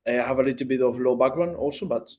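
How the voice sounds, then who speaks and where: A man's voice: medium pitch, fast, a little mellow. A young man from Spain casually introducing himself as a student. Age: young adult. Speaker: intern, student.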